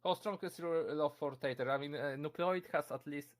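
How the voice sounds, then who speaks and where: A young Polish-accented man presents casually on a stream, fielding chat questions with lots of fillers, restarts and frequent chuckles. His voice is on the high side and fairly quick. He's a convention presenter.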